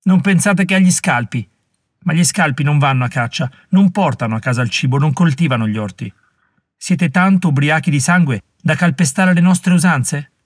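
A man's voice: a little high, normal speed, no echo, studio quality, natural voice. A man reading an audiobook voices a fierce young Mohawk woman who scolds warriors scornfully and commandingly. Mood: fierce scorn.

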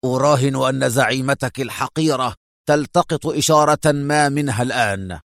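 A man's voice: medium pitch, a little fast, vocal fry, a bit bright, dry recording, studio quality. A man voicing a stern, angry male villain mastermind who speaks tensely and harshly.

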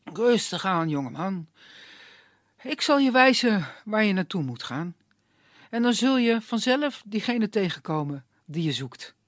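A storyteller voicing a calm, fatherly older wood gatherer who gives directions in a puppet tale. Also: high voice, unhurried, dry recording, clean studio sound, pitched above the performer's own voice, heavily acted.

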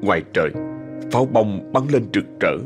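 A man narrating a scripted story in a soft, expressive way. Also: fairly low pitch, normal speed. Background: faint music.

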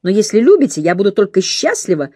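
Woman playing Miss Marple, shrewd and calm. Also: medium pitch, slightly rough, no echo, voice pushed up. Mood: thoughtful. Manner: measured, thoughtful, dry. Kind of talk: audiobook reading.

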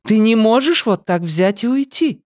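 A man reading a book aloud, voicing a tender, calm mother in a soft, soothing voice. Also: a little high, moderate pace, no echo, clean studio sound, pitched above the performer's own voice, lightly acted. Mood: gentle. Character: tender middle-aged mother, gentle and calm.

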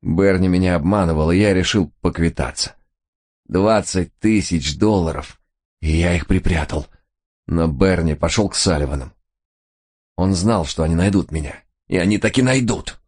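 A man's voice: low-pitched, normal speed, a little mellow, husky. A man voicing a terrified, wounded male crook who wails and pleads frantically. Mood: fearful.

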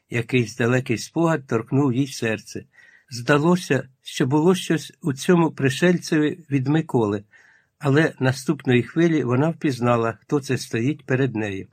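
Husky-voiced man reading a novel. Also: mid-range voice, no echo, clean studio sound. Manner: calm, measured storytelling. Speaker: audiobook narrator. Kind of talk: literary audiobook reading.

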